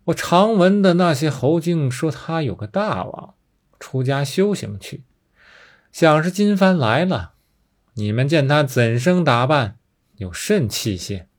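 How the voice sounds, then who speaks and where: A man's voice: a little high, lively intonation, a little slow. A man voicing a huge, fierce male demon king who speaks with arrogant scorn. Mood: wary.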